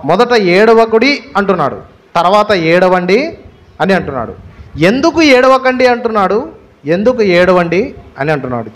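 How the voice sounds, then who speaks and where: A male pastor with a Telugu accent preaches with a lot of emphasis. His voice sits high for a man, and he leans on repetition and rhetorical questions to drive each point home. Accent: Telugu, Andhra Pradesh. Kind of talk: sermon.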